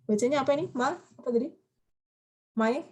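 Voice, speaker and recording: Lady teacher, bit high voice, keeps quizzing the class, chatty and upbeat. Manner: lively, coaxing students with questions, quick asides. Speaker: Japanese language teacher. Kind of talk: online class lecture.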